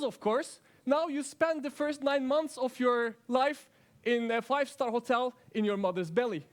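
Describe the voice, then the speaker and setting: A cheerful, chatty virus talks fondly to its listeners as though they were children, voiced by a man in a science talk. The voice sits strikingly high for a man, and it is playful and a little teasing. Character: friendly talkative good virus. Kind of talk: first-person stage science talk.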